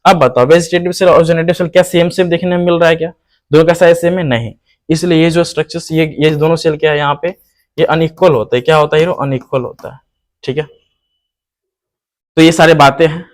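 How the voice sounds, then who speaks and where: A man's voice: fairly high pitch, steady tone, fast talker. A man teaching a biology lesson online, who asks his students questions and then answers them himself, repeating the key terms. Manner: calls the viewer "hero". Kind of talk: online lecture.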